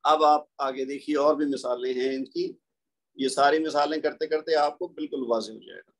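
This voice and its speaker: A man teaching a recorded lesson in a patient, explaining way, with a Pakistani Urdu accent. He stops often to recite the examples slowly. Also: on the high side, steady tone.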